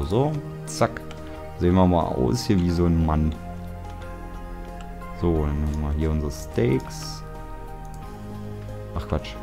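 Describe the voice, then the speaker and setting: A young man from Germany talks his way through a building game in an easygoing, rambling voice. His pitch sits very low, and he mutters jokey complaints to himself. Music plays clearly under his voice-over. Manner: chatty, self-mocking, grumbling asides. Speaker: let's play host. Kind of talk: casual gameplay commentary.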